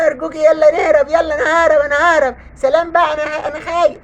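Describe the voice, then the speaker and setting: A squeaky, jittery ghost minion put on by a woman, a cowardly little male spook with an Egyptian Arabic accent. He rattles off his words at breakneck speed in a high voice, in a children's cartoon skit. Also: level tone, quick pace, highs cut off, natural voice. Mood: panicked. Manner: squeaky, frantic chatter.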